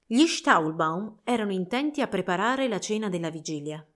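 A woman narrating a fairy tale for children in a slow, measured storytelling voice. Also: mid-range voice, animated, fairly bright tone.

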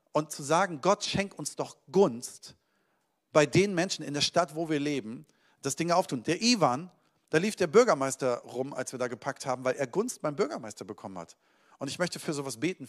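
A man preaching a sermon as a pastor, speaking with energy and swinging between loud emphasis and quiet asides. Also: mid-range voice.

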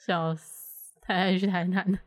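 A woman's voice: on the low side, level tone, measured pace, no echo. A woman, co-hosting a casual podcast chat, teasing, laughing often and steering the talk. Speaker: podcast co-host.

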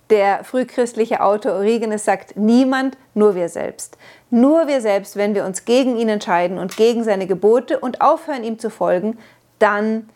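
A woman's voice: medium pitch, a little mellow. A woman giving an earnest Bible commentary in a sermon style, explaining a passage step by step and lifting her voice to stress key points. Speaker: Bible teacher.

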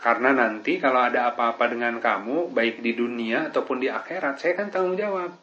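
A man's voice: medium pitch, fairly quick, pushed and bright, a little hiss or hum. A man giving a casual religious lesson as a preacher, talking conversationally and often asking "right?". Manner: conversational, peppered with tag questions. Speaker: Islamic preacher. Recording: dull lo-fi recording.

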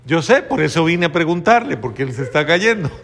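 A man's voice: on the high side, animated, brisk, a bit bright, long reverb tail. A man doing a humble pleading friar. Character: humble, simple-hearted male friar.

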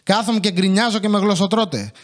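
A young man hosting a podcast, telling rambling comic stories full of swearing and grumbling. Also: sits high. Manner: swears constantly, grumbling storyteller. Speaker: podcast host. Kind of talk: casual comic monologue.

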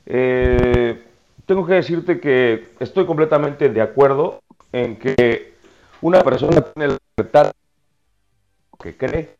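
A man joins a radio round-table by remote call, and his line breaks up and drops out as he talks in a relaxed, halting way. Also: mid-range voice. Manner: relaxed, opinionated, halting with fillers. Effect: remote call line breaking up and dropping out. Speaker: guest panelist on a sports radio show. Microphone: remote phone or internet call. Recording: muffled remote call line with faint noise.

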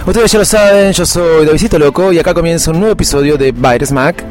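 A man's voice: a little high, quick pace, over music. An Argentine man hosting a podcast, announcing theatrically in the grand manner of a ringmaster. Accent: Argentine Spanish. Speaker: podcast host.

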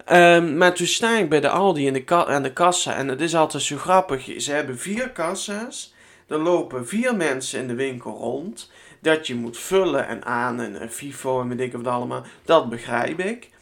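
Gravelly young man chatting casually. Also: mid-range voice, normal speed, a bit bright. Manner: chatty and rambling, with casual swearing. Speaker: podcast host. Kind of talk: casual solo podcast chat. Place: at home in his room.

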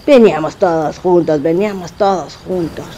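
Una mujer con acento mexicano que da voz a una madre fantasma angustiada y teatral. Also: female voice, fairly low pitch, normal speed, mellow, a little hiss or hum, lightly acted. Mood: fretful. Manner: theatrical, wailing, fretful. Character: anxious dramatic ghost mother.

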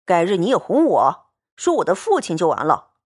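A woman's voice: lowish voice, wildly swooping pitch, normal speed, a little mellow, slightly rough, exaggerated voice. A woman doing a boisterous, brash young rich man. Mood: wheedling. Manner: laughing, brash, then wheedling.

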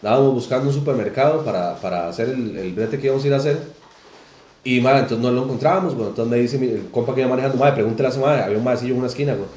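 A man's voice: medium pitch, very fast, a little mellow, echoey room, a little hiss or hum. A Costa Rican man with a Costa Rican accent, chatting casually as a podcast co-host and telling slangy stories. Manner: slangy, storytelling, laughs often. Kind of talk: casual chat.

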